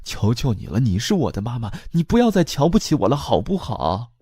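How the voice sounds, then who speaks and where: A man's voice: very animated, a little slow, warm tone, husky, no room sound, studio quality, full character voice. A man voicing an anxious grown woman who begs her family for love, pleading and tearful. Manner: pleading, tearful, high-pitched.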